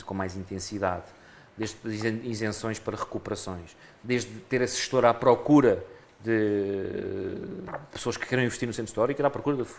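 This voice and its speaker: Fast-talking Portuguese man, low voice. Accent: European Portuguese. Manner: fast, earnest, restarts phrases often. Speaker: municipal election candidate. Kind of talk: local radio interview.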